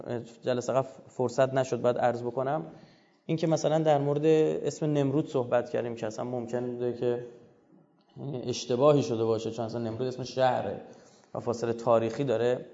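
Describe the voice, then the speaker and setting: A man's voice: medium pitch, warm tone. A man giving a religious history lecture, speaking emphatically and addressing his listeners directly. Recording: dull lo-fi recording with long hall reverb.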